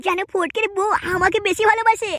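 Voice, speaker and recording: A woman's voice: extremely high pitch, fairly even intonation, a little fast. A woman voicing a sly, lecherous young man in a cartoon, with a cheeky delivery. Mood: scheming. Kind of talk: comic cartoon dubbing.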